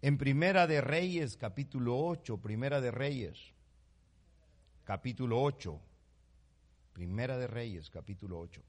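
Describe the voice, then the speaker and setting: A man's voice: medium pitch, animated, unhurried, pauses often. Impassioned preacher, man. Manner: impassioned preaching, sudden loud rises and hushed drops; addresses listeners as "mi hermano". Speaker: pastor. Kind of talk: sermon.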